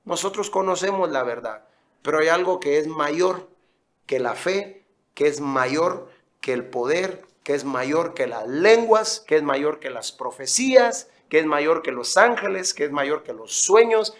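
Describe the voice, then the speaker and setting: A middle-aged man preaches as a pastor, his voice sitting a little high for a man. He drives his points with emphatic bursts and slips into storytelling asides. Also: expressive, unhurried. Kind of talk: sermon.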